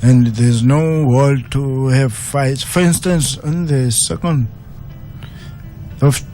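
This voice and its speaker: Slow, halting man. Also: medium pitch, warm tone, soft background music. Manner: halting, slow, repeats phrases. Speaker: boxing coach. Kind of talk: radio interview guest. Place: radio studio.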